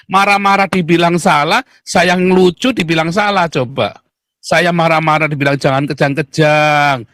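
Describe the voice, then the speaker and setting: A man's voice: dry recording, studio quality. A man giving a mocking, theatrical polemic monologue, addressing listeners directly as he argues. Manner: jumps into high shouted voices when mimicking critics. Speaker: religious debater addressing viewers.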